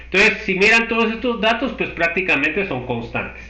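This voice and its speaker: A man's voice: sits high, very animated, moderate pace, sharp tone, slight background noise. A man teaching a university chemistry class. He works through each step and keeps checking that the class follows. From Guatemala. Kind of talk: university lecture. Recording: echoey room.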